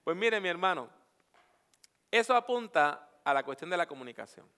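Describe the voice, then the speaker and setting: A man's voice: sits high, big pitch swings, moderate pace, sharp tone, clear, resonant tone. A middle-aged man from Puerto Rico with a neutral Latin American Spanish accent, leading a preaching workshop and firing rhetorical questions at the audience. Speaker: workshop leader and pastor. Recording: long reverb of a large hall.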